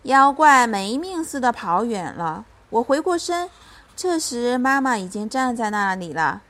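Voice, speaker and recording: A woman reads a bedtime story to her child in a gentle, soft-spoken way. Her voice sits a bit high. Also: sing-song, a little slow. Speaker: mother telling a bedtime story.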